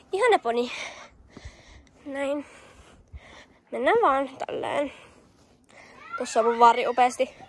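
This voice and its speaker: A woman's voice: sits high, slight background noise. A young woman vlogging outdoors on a field with a handheld camera, chatting casually with many fillers and calling out commands. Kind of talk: casual hobby-horse riding vlog.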